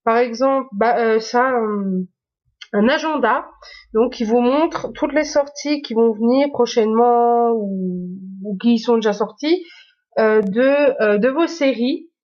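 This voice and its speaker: A woman talks casually to her viewers, stopping often to search for words. Her voice sits a little high. The recording is muffled and lo-fi. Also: slow, darkish tone. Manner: hesitant, many fillers and restarts. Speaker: YouTuber. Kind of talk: casual phone tour vlog.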